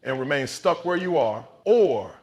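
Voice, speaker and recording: A man delivering a scripted motivational speech like a halftime pep talk, intense and emphatic, in punchy phrases with dramatic pauses. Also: mid-range voice, animated, darkish tone. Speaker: motivational speaker.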